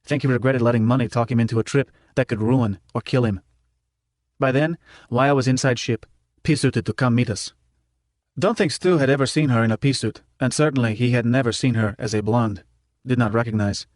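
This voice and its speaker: A man's voice: medium pitch, fairly quick, a little mellow, no room sound, clean studio sound. A man narrating an audiobook in a clipped first-person voice that drops its articles. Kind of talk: scripted narration.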